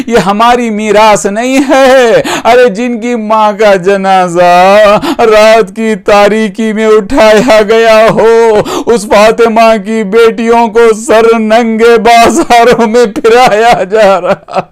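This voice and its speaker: A man, a cleric at a mourning gathering, delivering a sermon with impassioned, drawn-out lamenting passages and quieter, quicker prayers. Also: very high-pitched, smooth. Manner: quiet, rapid prayer supplication. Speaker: Shia cleric preaching at a majlis.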